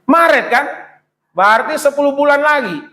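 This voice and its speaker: A middle-aged man preaching to his congregation in a notably high voice. He leans on rhetorical questions, climbing into high pleading exclamations and then dropping to low, quiet asides. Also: animated, moderate pace, low-quality recording. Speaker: pastor. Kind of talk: sermon.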